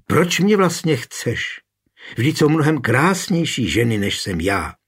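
A man reading the part of a proud, quick-tempered young woman in an audiobook, with a husky voice. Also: mid-range voice, very animated. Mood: defiant.

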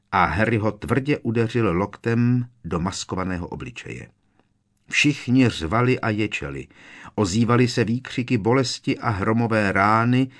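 Low-voiced man reading an audiobook. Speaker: audiobook narrator. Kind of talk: scripted narration.

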